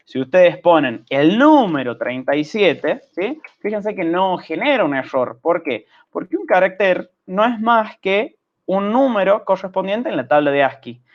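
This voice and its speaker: A man with an Argentine accent teaches programming, his voice sitting a little high for a man. He explains step by step and keeps checking that the class follows. The sound is dull and lo-fi, like a video call. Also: big pitch swings, measured pace. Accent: Argentine Spanish. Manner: patient, checks understanding with frequent "¿sí?".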